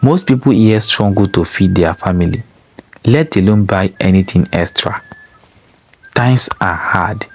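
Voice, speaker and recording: A man voicing a weary, poor village woman who speaks in a tired, quiet way. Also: deep voice, a little slow.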